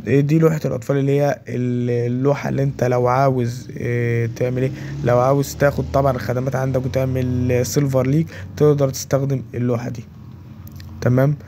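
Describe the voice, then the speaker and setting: A man with an Egyptian accent talks viewers through a website step by step, keeping it casual and tossing in "okay" after nearly every click. His voice is dark and gravelly with a fry to it. He talks quickly, in a flat, level tone. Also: mid-range voice, noisy background. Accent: Egyptian Arabic. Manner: keeps repeating "okay" between steps. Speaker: tutorial presenter. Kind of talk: casual screen walkthrough.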